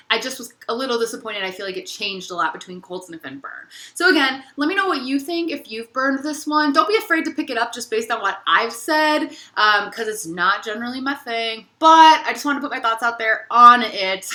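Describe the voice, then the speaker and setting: A woman's voice: on the high side, expressive, fairly quick, bright, forceful tone, reverberant. A woman giving a casual candle review vlog, chatty and searching for words with lots of fillers.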